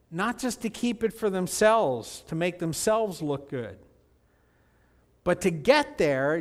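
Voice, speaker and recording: A man preaching a sermon, deliberate, with rising emphatic peaks and quiet drops. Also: sits high. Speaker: pastor.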